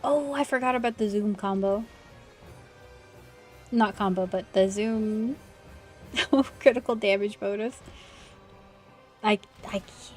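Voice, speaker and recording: Slow-talking woman streamer, chatty and apologetic. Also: mid-range voice, darkish tone, soft background music. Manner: chatty, answers chat, apologises often. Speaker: game streamer. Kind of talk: casual livestream chat while gaming.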